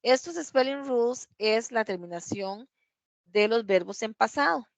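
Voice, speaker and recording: Woman, English teacher, dry sound, slow careful examples. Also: fairly high pitch, expressive, no echo, dull audio. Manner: reads English examples aloud slowly, checks with "¿verdad?". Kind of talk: classroom grammar explanation. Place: classroom.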